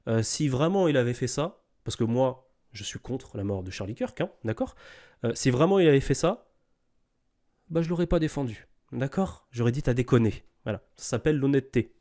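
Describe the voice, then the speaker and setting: Scornful man with a mellow voice. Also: medium pitch, lively intonation, a little fast. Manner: scornful, lecturing, punctuated with tag questions. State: sick. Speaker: reaction video commentator. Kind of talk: informal, off-the-cuff reaction commentary.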